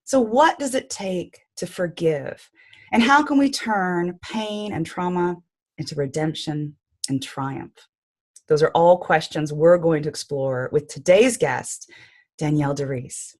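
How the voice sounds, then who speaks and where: A woman hosting an interview show, reading a measured introduction and asking questions. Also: low-pitched, a little mellow. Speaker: podcast host.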